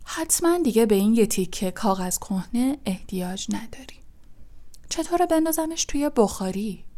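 In a storybook audiobook, a woman reader plays a thin, spiteful male schoolmaster who hisses mocking taunts in a low, unvoiced whisper. The menace stays soft and close, never raised, delivered with lively intonation and light acting.

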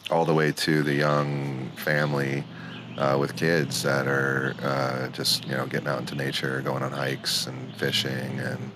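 A man's voice: a bass voice, monotone, unhurried. A man giving casual, hesitant, thoughtful interview answers outdoors as a guest. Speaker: podcast guest, company CEO. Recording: faint outdoor ambient noise.

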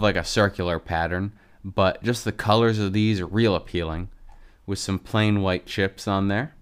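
Brief: lisping male podcast host, unhurried, low-ish voice, eager snack chatter. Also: smooth. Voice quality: lisp. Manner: chatty and enthusiastic about snack foods. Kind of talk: casual solo podcast monologue.

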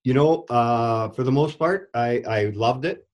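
Rambling ex-goalie-coach man, mid-pitch. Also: a little slow, a little mellow. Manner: rambling, repeats words when starting sentences. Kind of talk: casual podcast interview.

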